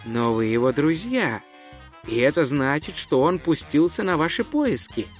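A man's voice: fairly high pitch, big pitch swings, unhurried, soft background music. A man voicing Herena, a stern female bandit leader who speaks bluntly and commandingly in a storybook reading.

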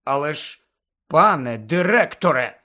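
A man's voice: fairly high pitch, very animated, a little slow, sharp tone, heavily acted. A man voicing an earnest teenage boy wizard who protests indignantly, in an audiobook reading.

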